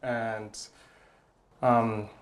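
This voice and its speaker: A young adult man from Congo, a nonprofit founder appearing as a guest, answers interview questions earnestly and reflectively. He often repeats words while searching for his next thought. His voice is lowish and flat, and he speaks extremely slowly.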